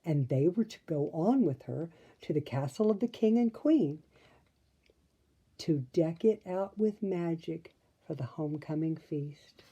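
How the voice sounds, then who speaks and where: Reading a children's storybook at an unhurried pace, a woman narrates expressively and adds asides to the listener. Her voice is very mellow, a little low and husky.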